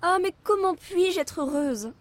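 A woman playing a sulking, tearful young lover in an amateur audio drama, evasive and halting, then reproachful. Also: very high-pitched, expressive. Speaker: voice actress.

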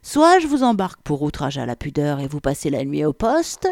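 A woman's voice: sits low, very animated, normal speed, darkish tone, dry recording, studio quality. A woman reading aloud, voicing a brash young female municipal police officer with a strong Landes accent and a crude, bossy way of talking. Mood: mocking threatening. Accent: southwestern French (Landes).

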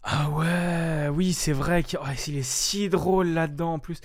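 Chatty man with a slightly high voice. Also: fairly even intonation. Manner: chatty, halting, many fillers. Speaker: podcast co-host. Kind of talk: casual chat.

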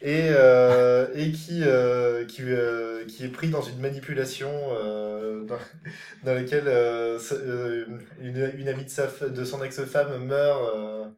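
A man talks through a film in a relaxed panel chat, stopping often to search for words and breaking into laughter easily. His voice sits at a middle pitch, and the room around him adds a clear echo. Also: a little slow. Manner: hesitant, many fillers and restarts, laughs easily. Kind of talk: casual film discussion.

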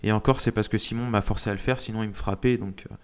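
A man on a casual panel chat, hesitant and filling pauses as he talks. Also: on the low side, steady tone, clear, resonant tone. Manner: hesitant, many fillers. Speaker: podcast panelist.

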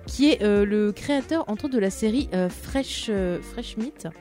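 A woman's voice: medium pitch, lively intonation, a little slow, warm tone, faint music behind. A woman hosting a casual chat about TV series, chatty and teasing, often laughing. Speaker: podcast host.

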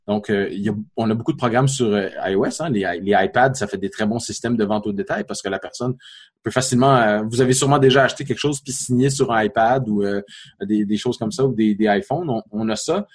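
Québécois developer guest, fast and slightly raspy. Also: male voice, on the low side. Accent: Québécois French. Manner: rapid, stumbling talk with repeated restarts. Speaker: podcast co-host, developer. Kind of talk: casual podcast chat.

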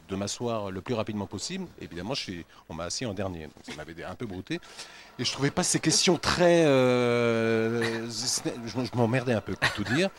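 A man's voice: medium pitch, a little hiss or hum. A middle-aged man, a voice actor, casually telling a long anecdote with many fillers and restarts. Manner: rambling storyteller with many fillers. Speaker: guest voice actor.

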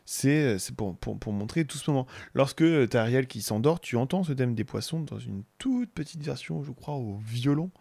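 A French man talks film music in a loose, rambling way, stumbling through restarts and sometimes humming a melody. His voice sits at an ordinary pitch and is recorded very close and dry. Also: lively intonation, normal speed, gravelly, few pauses, mellow, dry recording. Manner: rambling, many restarts, hums tunes. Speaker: podcast co-host. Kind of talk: casual chat about film music.

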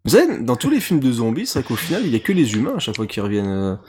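A man's voice: medium pitch, wildly swooping pitch, racing, darkish tone, a little hiss or hum. A man hosting a casual podcast chat, rambling with many fillers and restarts. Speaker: podcast host.

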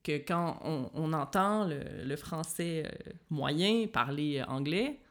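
A woman's voice: low-pitched, expressive, slow pace. A woman from Quebec with a Québécois accent, chatting casually with plenty of fillers and restarts. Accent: Québécois French. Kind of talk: casual chat.

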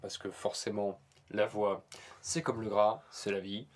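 A man's voice: lowish voice, level tone, a little slow. A man from Normandy with a Norman French accent, co-hosting a casual podcast chat about metal bands and joking often. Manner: joking, teasing, laughs often. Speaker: podcast co-host.

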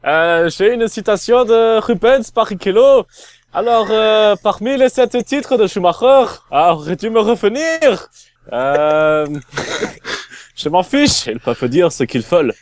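A man's voice: on the high side, lively intonation, slow, no room sound. A man putting on a hammy fake German accent.

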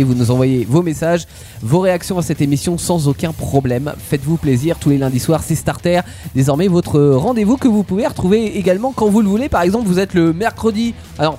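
A man's voice: on the high side, dark tone. A man hosting a casual radio show, presenting segments and explaining them at length.

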